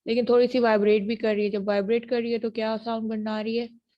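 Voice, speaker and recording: A woman with a Pakistani accent giving an online university lecture on phonetics. She checks in with her students often and says each sound she teaches slowly and with care. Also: a little high, little pitch movement, lo-fi sound. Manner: models sounds slowly and deliberately. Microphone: computer mic for an online class.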